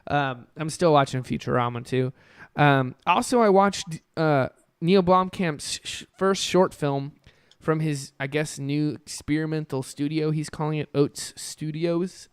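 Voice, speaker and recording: Young male podcast co-host, rambling and enthusiastic, higher-pitched, dry close sound. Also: a little slow, clean tone, no echo. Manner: rambling, enthusiastic, many fillers. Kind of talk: casual chat.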